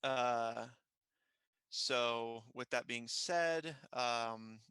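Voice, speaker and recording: A man running a tabletop role-playing game with a bright, crisp voice in a dry, close sound. He improvises his narration haltingly, feeling for words mid-phrase as game master. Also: mid-range voice, no echo.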